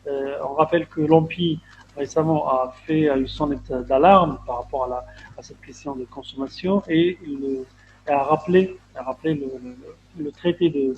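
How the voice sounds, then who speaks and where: A man with a slightly raised voice leads an online panel over a video call. He talks in a halting way, with fillers and repeated words. The call audio is dull and lo-fi, with a faint hiss underneath. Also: fairly high pitch, darkish tone. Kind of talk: hesitant conversational discussion.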